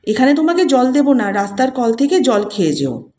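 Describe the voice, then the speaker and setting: A woman voicing an affectionate young woman who speaks in a tender, coaxing way, sometimes sharp. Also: high-pitched, big pitch swings, normal speed. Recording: roomy echo.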